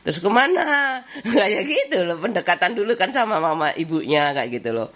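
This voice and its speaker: Her voice low, brisk and very animated, a woman with a lilt cooks at home and chats casually to her vlog audience. She reminisces in a rambling way, moving between memories and laughing often.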